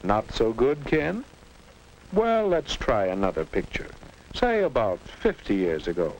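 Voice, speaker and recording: A man playing a patient, instructive narrator in a 1950s educational film, guiding a teenager in a reassuring, measured way. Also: mid-range voice, huge pitch swings, darkish tone, slight background noise, poor audio.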